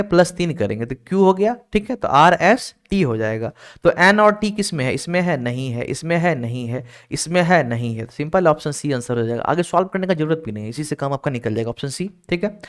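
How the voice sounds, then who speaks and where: Clear-voiced man teaching a reasoning class. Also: fairly high pitch. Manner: explains step by step, keeps checking with "ठीक है?" and urging students to hurry. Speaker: online exam-prep teacher. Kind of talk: recorded class lecture.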